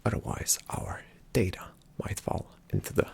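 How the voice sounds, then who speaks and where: This is a male voice in a whispered ASMR roleplay, cast as a calm and attentive spy agent giving a partner a briefing. Each instruction is hushed and deliberate, delivered softly with a breathy, faintly creaky quality.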